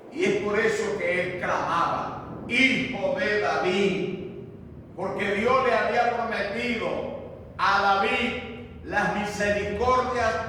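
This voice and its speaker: A man preaching a sermon as pastor, impassioned, swinging between loud cries and hushed asides. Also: high-pitched, slight background noise. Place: church hall. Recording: echoey church hall from far off.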